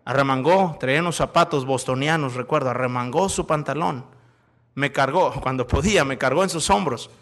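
A man preaching a sermon, mixing scripture with folksy, joking stories from his childhood and shifting between loud calls and quiet asides. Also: medium pitch, fairly quick. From Mexico. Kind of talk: sermon with storytelling.

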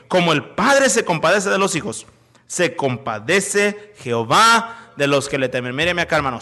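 A man preaching a sermon, mixing scripture with folksy, joking stories from his childhood and shifting between loud calls and quiet asides. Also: high voice. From Mexico. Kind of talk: sermon with storytelling.

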